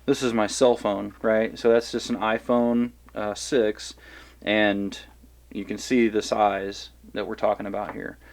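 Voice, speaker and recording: A lowish, level-toned man from the Kansas City area of the USA talks at a measured pace while testing and reviewing gear outdoors among wooded hills. The review is casual and rambling, with frequent fillers and restarts.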